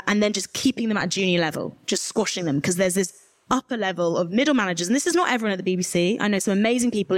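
A woman's voice: mid-range voice, no room sound. A young woman from rural Herefordshire with a modern British Received Pronunciation accent, giving candid, informal interview answers with emphatic asides. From rural Herefordshire, England. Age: young adult. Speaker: journalist guest on a panel. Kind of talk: candid conversational interview answers at a live event.

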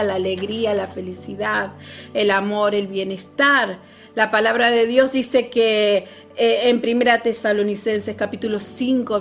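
A woman giving a live devotional sermon, speaking earnestly and reflectively, addressing the viewer directly. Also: a little high.

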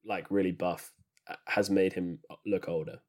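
A man's voice: low-pitched, steady tone, moderate pace, darkish tone. A man co-hosting a podcast in casual chat, rambling with frequent laughs and restarts. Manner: chatty, laughs often, many restarts. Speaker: podcast co-host.

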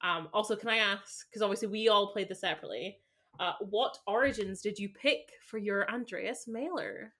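A woman's voice: medium pitch, normal speed, fairly bright tone. A woman guest on a podcast who chats about games in an upbeat, talkative way. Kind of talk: casual chat.

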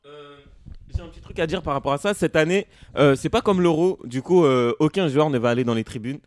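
Young guy explaining football stuff to his mates, bit high voice, chill. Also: a little fast, darkish tone, dry recording. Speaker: podcast co-host. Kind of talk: casual football chat.

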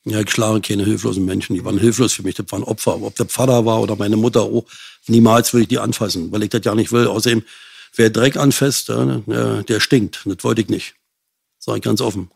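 Older male guest, gravelly voice, blunt and raw. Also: lowish voice, darkish tone. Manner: blunt, swears, relives angry outbursts. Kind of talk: telling his life story.

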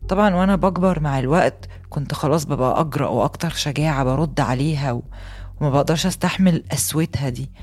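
A woman's voice: low-pitched, quick pace, darkish tone, faint music behind. A woman with an Egyptian Arabic accent, voicing a young woman in her twenties who earnestly recounts a harsh mother in scripted first-person podcast narration. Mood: sorrowful. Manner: earnest and intimate storytelling, rising to agitation in retold fights. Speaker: voice actor reading a personal testimony.

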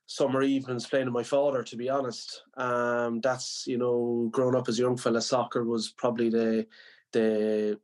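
A man's voice: mid-range voice, level tone, moderate pace, darkish tone. A man from Limerick with a west of Ireland accent, answering as a podcast guest in an earnest, modest, conversational way. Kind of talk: casual interview reminiscence.

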